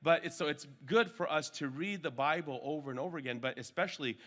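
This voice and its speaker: Talking fast in a slightly high, fairly bright voice, a man informally teaches a group workshop on Bible discipleship. He often drops in check-in tags like "right" and "okay" and sometimes switches from English to Hmong partway through.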